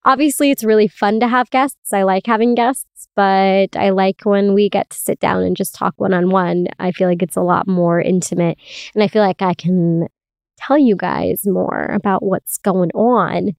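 A woman's voice: medium pitch, fairly even intonation, normal speed, vocal fry, clear, resonant tone, dry recording. A woman podcast host recording inside a closet, talking in an informal, confiding, giggly way in a casual solo chat. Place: inside a small closet with towels.

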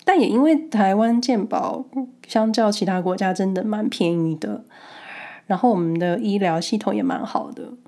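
Stuffy-nosed, mellow Taiwanese woman. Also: medium pitch. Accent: Taiwanese Mandarin. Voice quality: nasal, stuffy-nosed, as if with a cold. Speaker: podcast host. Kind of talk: casual personal storytelling to listeners.

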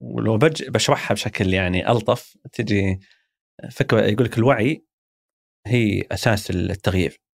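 In a reflective interview, a former marketing executive with a Saudi accent explains his ideas thoughtfully, leaning on everyday examples. His voice is gravelly and on the low side, fairly quick, and there's no echo.

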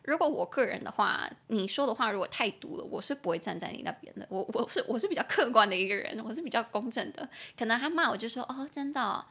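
Bright-voiced Taiwanese woman teaching English. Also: fairly high pitch, lively intonation, gravelly, husky. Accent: Taiwanese Mandarin. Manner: chatty, spells English words out slowly letter by letter; playful, teasing asides. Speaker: podcast host and English teacher. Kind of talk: casual podcast English lesson.

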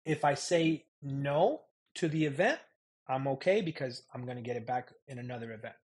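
A man's voice: mid-range voice, expressive, normal speed, darkish tone, husky. A middle-aged man, a chef and restaurant owner, speaking frankly and sarcastically as a podcast guest, often repeating himself and laughing. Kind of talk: candid conversational interview.

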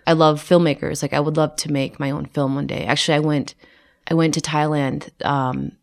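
With a deep, gravelly voice and a brisk delivery, an American-raised production designer converses casually in an interview; she's tired, laughs frequently, and often restarts or uses fillers.

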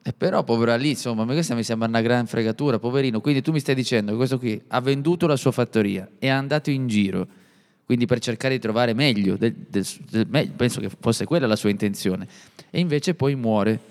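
A man's voice: medium pitch, fairly quick, darkish tone. A man co-hosting a podcast in informal, playful, rambling conversation, his voice congested and stuffy from a cold. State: has a cold. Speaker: podcast co-host. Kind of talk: casual unscripted podcast conversation. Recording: long reverberant hall echo.

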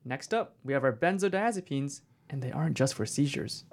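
Male co-host, average pitch, explanatory scripted read in the manner of a corporate training video. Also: lively intonation, brisk, gravelly. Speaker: medical podcast co-host.

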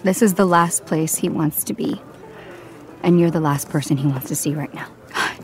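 An actress playing a young female singer in a video game, narrating her story in first person with soft emotion. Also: sits low, moderate pace, a little hiss or hum. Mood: regretful. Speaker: narrator and lead character.

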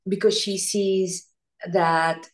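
A woman from Italy, an actress talking as an interview guest, thoughtful and animated, often searching for words. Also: lowish voice, takes it slowly. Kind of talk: casual interview chat.

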